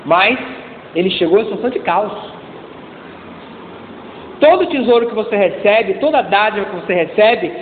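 A male pastor preaching a sermon in a lively, joking way, calling out to the congregation for responses. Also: sits high, a little hiss or hum. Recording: echoey church hall over a tinny lo-fi line.

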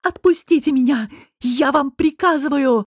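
A woman's voice: sits high, a little slow, no echo, studio quality, voice pushed up. A woman voicing a proud northern queen in desperation, urgent and commanding.

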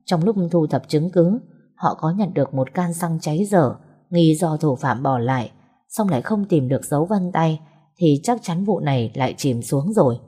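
A woman narrating an audiobook novel in a steady storytelling manner. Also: deep voice, moderate pace, husky.

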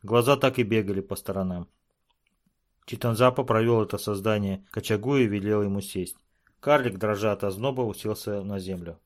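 A man reading a novel aloud as narrator in a steady, measured way. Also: lowish voice. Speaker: audiobook reader. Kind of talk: scripted narration.

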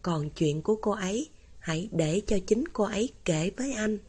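A woman voicing a caring, slightly bossy young woman who talks quickly, with a husky voice. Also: medium pitch, animated, a little mellow. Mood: friendly.

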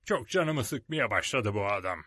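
A man's voice: on the low side, lively intonation, husky, no echo, studio quality, exaggerated voice. Man voicing a surly, roaring pirate helmsman. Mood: grumbling. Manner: grumbling and loud, quick to roar. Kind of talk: storybook read-aloud.

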